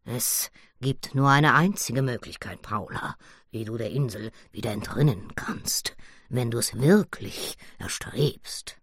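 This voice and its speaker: A woman voicing a calm, wise male gorilla who speaks slowly and formally. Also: extremely low pitch, breathy edge, dry recording, studio quality, pitched below the performer's own voice, heavily acted. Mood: solemn. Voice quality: slow, deliberate, stilted formal speech.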